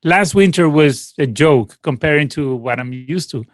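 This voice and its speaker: On a casual call interview, a Venezuelan guest musician in his late forties, Spanish being his first language, gives rambling answers packed with fillers and restarts. His voice is on the high side, he talks at normal speed, and there's no echo.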